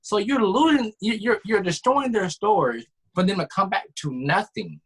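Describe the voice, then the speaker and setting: A young man from the Bay Area speaking in a casual group talk, slangy and halting but heartfelt. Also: high-pitched, lively intonation, breathy edge, poor audio. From San Francisco Bay Area. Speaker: panel guest. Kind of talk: casual discussion.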